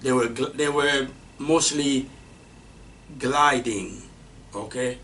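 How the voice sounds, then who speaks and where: A man giving an unscripted lecture on flight history, halting and repeating himself with many fillers. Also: medium pitch, fairly bright tone. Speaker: aviation instructor. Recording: distant mic with faint noise.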